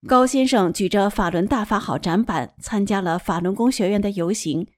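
A woman giving a scripted news report in an even, measured tone. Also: medium pitch, no room sound, studio quality.

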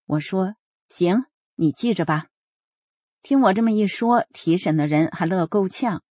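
A woman reading a first-person account aloud in an earnest, steady storytelling manner, voicing the quoted dialogue plainly. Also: medium pitch, a little slow, husky, dry recording.

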